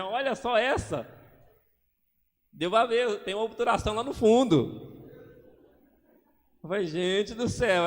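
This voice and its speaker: A man preaching a sermon as pastor, acting out little everyday scenes as he goes. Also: high-pitched. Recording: long hall reverb.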